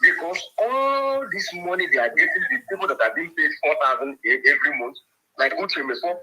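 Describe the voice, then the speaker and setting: A man's voice: fairly high pitch, expressive, brisk, bright, forceful tone, slight background noise, poor audio. A man calling in to a talk show, heard through a phone on speaker, hesitant and full of fillers, often repeating himself. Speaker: caller. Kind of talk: call-in chat.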